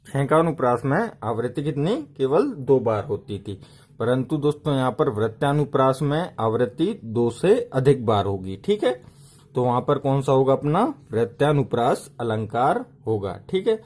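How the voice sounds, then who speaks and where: A man's voice: very animated, moderate pace, a little mellow. A man teaching an exam-prep grammar lesson, often checking in with a rising "okay?". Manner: repeats "ठीक है" with a rising pitch to check the class is following.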